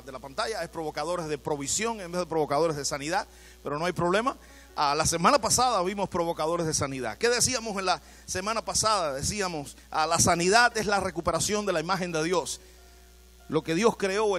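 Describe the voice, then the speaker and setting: A male pastor delivering an animated sermon in church, asking his congregation questions. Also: sits high.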